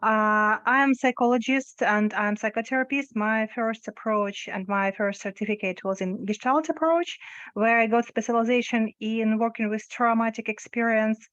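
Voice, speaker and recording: A woman from Ukraine with a Ukrainian accent and Russian as her first language, speaking as a psychotherapist on a webinar panel, halting and searching for words. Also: on the high side, fairly even intonation, fairly bright tone, no echo, lo-fi sound.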